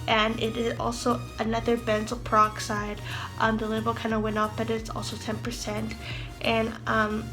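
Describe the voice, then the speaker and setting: Mid-twenties female vlogger, fairly high voice, slight retainer lisp, chatty and informal, music playing behind. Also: rough recording. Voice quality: slightly lisped speech from wearing a retainer. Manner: chatty, loose, peppered with "like". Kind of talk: casual video diary to camera. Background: clear background music.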